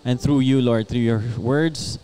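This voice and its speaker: A man's voice: mid-range voice, steady tone, slow, dark tone, slight background noise. A man, a pastor, leading a spoken prayer after agreeing along through a casual discussion. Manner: affirms often, prays fluently. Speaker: pastor and host.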